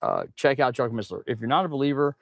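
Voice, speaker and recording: Male livestream host, mechanic type. Low, creaky voice, stuffed-up nose, audible mouth breathing, informal rambling delivery, close dry sound. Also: wildly swooping pitch, fast, no echo. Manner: rambling, informal, addresses viewers as "man" and "guys". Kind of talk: casual livestream chat while working.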